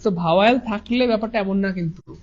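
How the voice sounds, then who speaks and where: A man with a high voice teaches English grammar. He keeps repeating his points, then asks a question and answers it himself. The recording sounds dull and lo-fi. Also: fast, slight background noise. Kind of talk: online grammar lesson.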